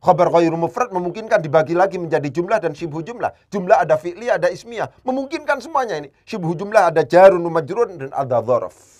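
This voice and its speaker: A man teaching Arabic grammar in a classroom lesson, repeating key phrases and slowing down to spell out Arabic words. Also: high-pitched, lively intonation, a little mellow.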